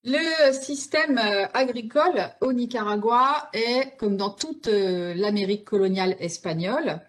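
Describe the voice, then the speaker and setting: A woman's voice: a little high, a little slow. A woman giving an online illustrated history talk, explaining step by step with frequent fillers and self-corrections. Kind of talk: spontaneous illustrated lecture.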